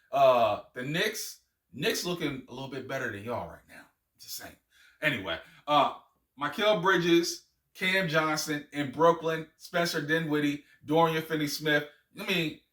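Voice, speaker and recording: An animated man runs through sports news in a teasing, chatty way, with quiet asides. His voice is bright and forceful. He sits a little back from the mic in an echoey room. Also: medium pitch, far from the mic. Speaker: sports podcast host. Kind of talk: casual sports commentary.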